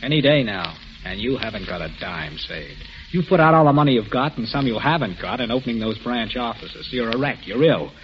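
A man's voice: mid-range voice, lively intonation, fairly quick, few pauses, a little hiss or hum, close to an everyday voice. A man playing a grave, reproachful narrator. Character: earnest man narrating to a woman, Bill. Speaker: narrator and friend Bill. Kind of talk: 1940s radio drama acting. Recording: dull old radio recording with music.

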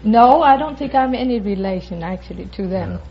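A woman's voice: medium pitch, lively intonation, fairly quick, a crowd in the background. Female contestant, composed; lo-fi vintage broadcast. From Iceland. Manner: polite, composed answers. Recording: dull old broadcast with faint hiss.

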